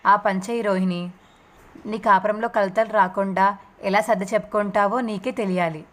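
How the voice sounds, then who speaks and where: A woman's voice: medium pitch, steady tone, moderate pace, natural voice. A woman voicing a worried, frail grandmother who talks in a tired, soothing way. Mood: weary.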